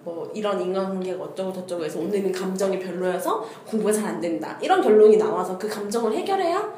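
A woman's voice: medium pitch, lively intonation, fast talker, dark tone. A woman co-hosting a casual chat, often laughing while she tells her own dating stories. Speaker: podcast co-host. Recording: echoey room, faint noise.

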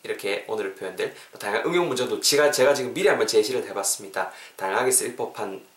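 A young man, hosting a podcast English lesson in a lively, chatty way and repeating phrases slowly for practice. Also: fairly low pitch. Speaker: English teacher and podcast host. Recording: roomy echo.

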